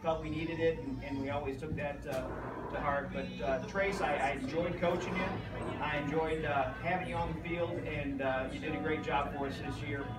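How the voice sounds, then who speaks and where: High-voiced American coach giving an informal speech. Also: male voice, steady tone, moderate pace, heavy background noise. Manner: rambling, anecdotal. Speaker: youth football coach. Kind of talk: informal banquet speech honoring a player. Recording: roomy, distant mic, loud music behind.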